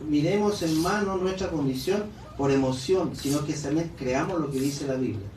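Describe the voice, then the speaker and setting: A man's voice: a little high, moderate pace. A man pastor preaching a sermon in a conversational way, checking in with his listeners. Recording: echoey room from a distance with background noise.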